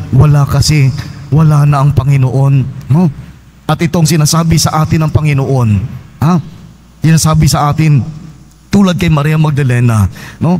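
Filipino priest preaching in conversational tags. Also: male voice, fairly high pitch, darkish tone. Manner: conversational preaching, frequent tag questions. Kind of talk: homily at Mass. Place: large church.

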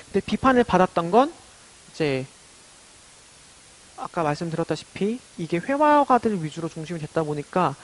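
A man's voice: fairly high pitch, very animated, normal speed, pauses often, low-quality recording. Korean man giving an exam-prep lecture. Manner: explanatory, asks and answers his own questions. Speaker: art education lecturer.

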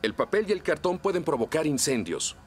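A man voicing a kindly, steady fireman hero in a children's cartoon dub. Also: fairly high pitch, fairly quick. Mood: friendly. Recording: loud music behind the voice.

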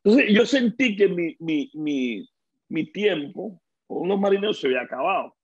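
A middle-aged man with a Venezuelan accent, a guest on an interview show, telling stories in a lively way and acting out the dialogue he quotes. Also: sits high, normal speed, slightly rough, dull audio. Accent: Venezuelan Spanish. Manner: lively storyteller who acts out quoted dialogue. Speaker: guest, former baseball player. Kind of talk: casual interview storytelling.

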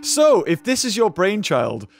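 A young man with a sore, rough throat narrates his gameplay in a casual, excitable way. His voice sits a little high and swings widely as he reacts. Game music plays softly underneath. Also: measured pace. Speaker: gaming video host.

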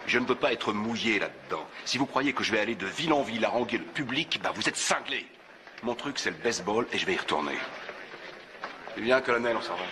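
An actor dubbing a reluctant, plain-spoken ballplayer who talks bluntly in a classic film. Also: male voice, fairly low pitch, animated, a little fast, natural voice. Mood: stubborn. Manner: blunt, stubborn. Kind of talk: dubbed film acting. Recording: hissy old film soundtrack.

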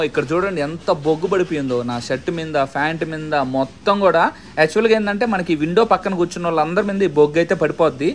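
A male travel vlogger from India narrates a casual video quickly and chattily, pointing things out with "look here" to keep viewers along. His voice sits high, and he records outdoors during a toy train journey.

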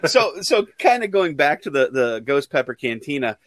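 Jokey podcast co-host, dry close sound. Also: male voice, a little high, sing-song, normal speed, dry recording. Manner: jokey, laughs often. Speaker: podcast co-host, band member. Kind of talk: casual podcast chat.

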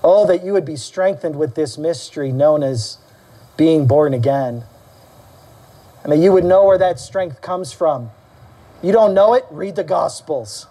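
A male pastor preaching a sermon to his church, animated, questioning the congregation and calling for amens. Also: measured pace. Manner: animated preaching, acting out quoted voices with rising pitch. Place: church service.

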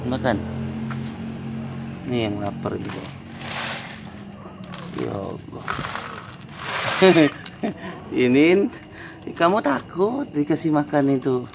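A man's voice: a little high, vocal fry, noisy background. A man feeding stray cats in an outdoor market at night, coaxing them with short repeated calls. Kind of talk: casual talk to animals. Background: cats and passing vehicles.

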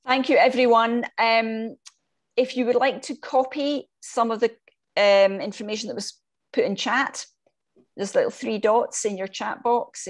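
A woman hosting an online talk over a video call, thanking and questioning her guest with many fillers. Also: mid-range voice. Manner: warm, appreciative, with fillers. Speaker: host.

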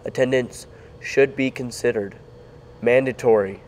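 A teenage boy reading school morning announcements, getting over a cold so his voice sits deeper, playful and jokey with sudden bursts of excitement. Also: unhurried, a little hiss or hum. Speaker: student announcer.

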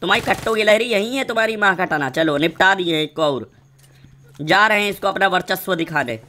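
Bright-voiced man trash-talking through gameplay. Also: sits high, animated, a little fast. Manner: joking, crude trash-talk and teasing; playful sing-song riffs. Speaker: gaming streamer. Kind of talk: live gameplay commentary.

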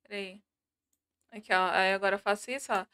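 A woman's voice: medium pitch, steady tone, fairly quick, pushed and bright, smooth, no room sound. A young woman from Minas Gerais with a Minas Gerais accent, chatting casually with viewers as a game streamer and reading the chat aloud. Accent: Minas Gerais Portuguese. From Minas Gerais, Brazil. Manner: chatty, reads chat aloud, mixes in English words.

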